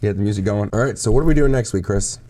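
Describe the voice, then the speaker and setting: A man co-hosting a live tech chat show, explaining news in a relaxed, easygoing way. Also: fairly low pitch, rapid-fire, a little hiss or hum. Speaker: co-host.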